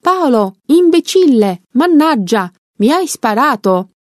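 A woman's voice: a little high, sing-song, slow, a little mellow, dry recording, clean studio sound. A woman voicing a hapless male bank robber in a read-aloud story. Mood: angry.

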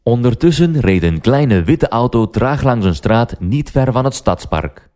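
A man narrating a story for language learners, slow and deliberate. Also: medium pitch, expressive, a little mellow.

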